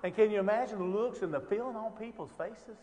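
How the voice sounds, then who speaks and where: A man's voice: sits high, fast, darkish tone, in a large hall. A man teaching an informal Bible lesson, talking conversationally with lots of fillers and rhetorical questions.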